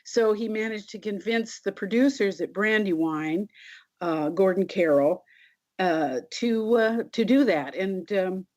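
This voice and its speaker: A woman being interviewed, telling anecdotes casually in a halting way. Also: medium pitch, a little mellow. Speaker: interview guest. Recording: dull, lo-fi sound.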